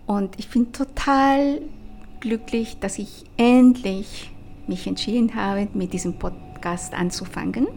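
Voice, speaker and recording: A woman's voice: medium pitch, fairly even intonation, takes it slowly, vocal fry, warm tone, a little hiss or hum. A woman, a language teacher hosting her own podcast and telling stories in an enthusiastic, chatty way with many fillers. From Chile. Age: 50s. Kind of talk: casual podcast monologue.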